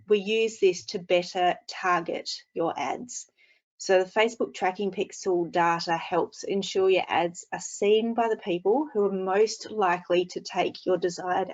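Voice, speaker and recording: A woman giving a brisk, casual presentation, heard through screen-recorded video call audio from a computer mic. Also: lowish voice, darkish tone, dull audio. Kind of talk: webinar presentation. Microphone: computer mic, no headphones.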